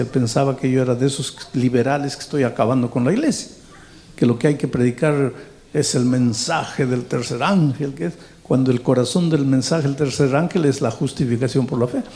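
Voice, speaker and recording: A man's voice: mid-range voice, mellow. A man preaching a sermon as a pastor, telling a personal story and speaking straight to the listener, repeating words for emphasis.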